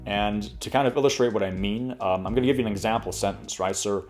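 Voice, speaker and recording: Young male tutorial host, lowish voice, chatty explainer, soft music underneath. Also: fast talker. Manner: chatty, frequent fillers and restarts, demonstrates pronunciations. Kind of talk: casual explainer lesson.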